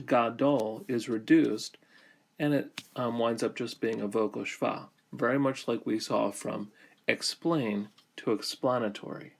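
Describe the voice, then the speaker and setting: In a creaky, mid-range voice, a man walks through a grammar lesson step by step, speaking slowly and deliberately and pausing often.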